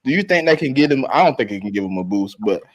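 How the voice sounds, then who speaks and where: A man's voice: mid-range voice, expressive, quick pace, dull audio, slight background noise. A man co-hosting a casual sports podcast, talking in a slangy, laid-back way. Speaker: podcast co-host.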